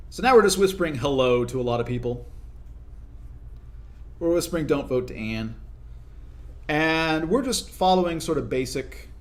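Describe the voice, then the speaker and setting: A young man giving casual, explanatory commentary over his own gameplay, often tagging his points with quick check-ins to the listener. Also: a little high. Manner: conversational, explanatory, frequent "right?" tag questions. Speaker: gaming video commentator.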